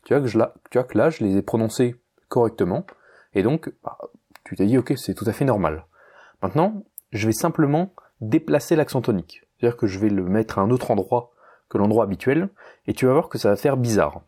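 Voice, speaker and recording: A man's voice: medium pitch, dark tone, husky. A man giving an informal spoken lesson, talking directly to the listener in a casual, friendly teaching manner with small fillers. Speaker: language teacher.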